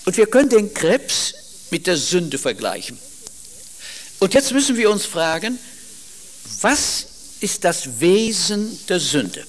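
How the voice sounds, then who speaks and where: A man's voice: sits high, sing-song, slow, pauses often. A man preaching a sermon, quoting scripture and stressing single words with emphasis. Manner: quotes scripture verses aloud.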